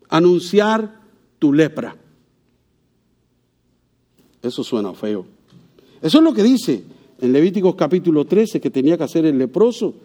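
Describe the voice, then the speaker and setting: A male pastor delivers a lively sermon with a high voice. His pitch swings widely as he turns to the congregation with questions and acts out the people he quotes. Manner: animated preaching, asks the congregation questions.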